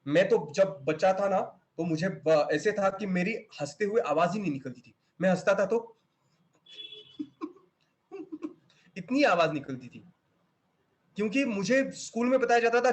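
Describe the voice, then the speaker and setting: Animated Indian man teaching acting online. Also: high voice. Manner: animated, demonstrating laughs. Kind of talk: online class, mixing Hindi and English. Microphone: video call.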